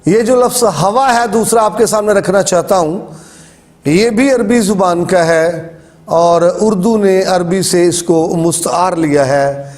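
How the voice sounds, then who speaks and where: A man giving a slow, deliberate Bible lesson, explaining word meanings and pronunciations. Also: sits high, darkish tone. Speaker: Bible teacher. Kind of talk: religious word-study lecture.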